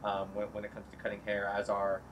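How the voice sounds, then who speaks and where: A man interviewing a salon owner in a casual, friendly way, often pausing with fillers and restarting sentences. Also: on the low side, monotone, noisy background. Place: salon, outdoors then indoors.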